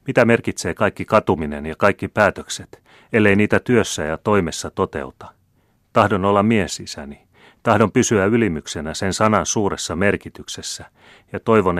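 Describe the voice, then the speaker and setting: A man's voice: sits low, fairly bright tone, no echo, clean studio sound. A man reading an audiobook, voicing a serious young nobleman who speaks earnestly. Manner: earnest, pleading.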